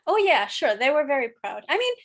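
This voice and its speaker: With a high-sitting voice that swings widely in pitch, a Chilean woman in her thirties talks briskly as a guest on a podcast. Her casual interview answers are candid and long, frequently restarted with "you know".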